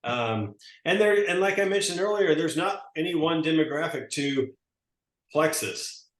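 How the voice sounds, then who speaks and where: A man's voice: on the high side, expressive, unhurried, fairly bright tone, echoey room. A man in his forties telling his story in a casual, rambling way, often correcting himself. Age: 40s. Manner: rambling, self-correcting, folksy. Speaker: network marketing presenter. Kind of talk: casual testimonial talk.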